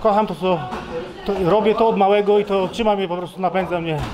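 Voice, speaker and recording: A man of about forty, sweaty after training, giving casual, halting interview answers with many restarts, speaking into a handheld mic in a busy indoor gym. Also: sits high, steady tone, music in the background. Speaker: kickboxer being interviewed. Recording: noisy gym crowd around. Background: crowd of people training.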